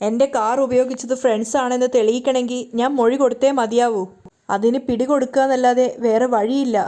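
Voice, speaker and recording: Woman reading a desperate stubborn young father, earnest, insistent, mellow higher voice, story recap. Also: fairly even intonation, fairly quick, close to an everyday voice.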